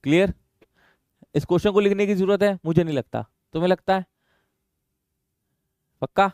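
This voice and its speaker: एक पुरुष शिक्षक कक्षा में रसायन पढ़ाते हुए, हिंदी और अंग्रेज़ी मिलाकर फुर्ती से और छात्रों को छेड़ते हुए बोलता है।. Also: male voice, high-pitched, a little mellow, clear, resonant tone, no room sound. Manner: brisk, teasing, mixes Hindi and English. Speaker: chemistry teacher. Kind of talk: classroom lecture. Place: classroom.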